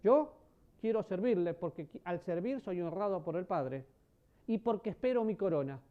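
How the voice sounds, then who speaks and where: A man preaching a sermon, asking the congregation questions and swinging between loud emphasis and soft, low passages. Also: normal speed. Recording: dull lo-fi sermon recording.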